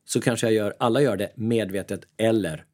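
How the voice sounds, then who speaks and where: A man who works as a mental coach, giving casual advice in a lively, self-mocking way and acting out his own inner voices. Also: on the low side.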